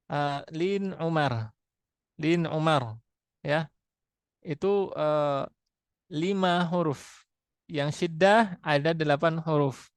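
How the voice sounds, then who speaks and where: A man teaching Quran recitation rules, slowly repeating and sounding out Arabic letters for his students. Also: a little high, clean tone, dry recording. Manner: slow, repetitive, demonstrates letter sounds aloud. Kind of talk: classroom tajwid lesson.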